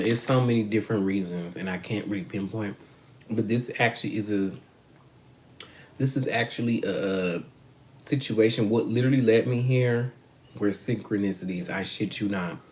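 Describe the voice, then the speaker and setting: An American man with a lowish voice talks to his camera as a vlogger, rambling, swearing freely and using slang while he eats. The camera mic picks up a little hiss or hum, and his manner is frank and casual.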